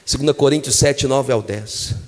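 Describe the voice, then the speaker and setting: A man with a Brazilian Portuguese accent preaching a sermon as pastor, moving from low, hushed phrases to loud, passionate shouting. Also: moderate pace, long reverb tail.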